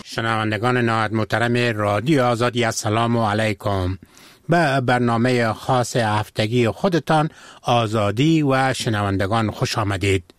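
A man's voice: medium pitch, no echo, clean studio sound. A man with an Afghan accent hosting a radio show in a formal, scripted presenting style.

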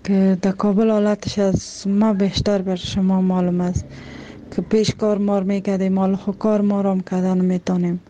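A woman's voice: medium pitch, flat delivery, dark tone. A woman with an Afghan Dari accent in an interview clip, complaining and asking for help. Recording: muffled lo-fi sound.

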